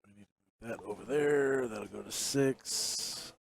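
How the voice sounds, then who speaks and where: A man's voice: medium pitch, a little slow, gravelly. An older man co-commentating a pool match in easygoing casual chat, mostly with short agreeing replies.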